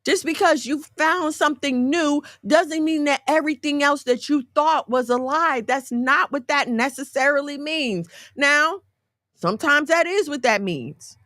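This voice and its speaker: Bright-voiced woman in her forties. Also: high-pitched, a little slow, no room sound, studio quality. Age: 40s. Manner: conversational, folksy, animated storytelling with asides. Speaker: faith talk host. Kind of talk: casual faith talk.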